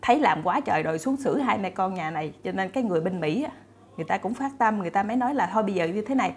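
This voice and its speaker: A woman tells a story straight to her viewers. Her voice is breathy and a little husky, at a middle pitch. She talks casually, with many fillers and repeated words. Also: animated, very fast. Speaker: storyteller host.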